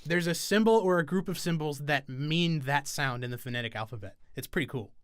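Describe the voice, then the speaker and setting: A man's voice: a little high, fairly quick, fairly bright tone, slight background noise. A young man hosting a podcast in casual chat, rambling and swearing freely with many fillers and restarts. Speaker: podcast host.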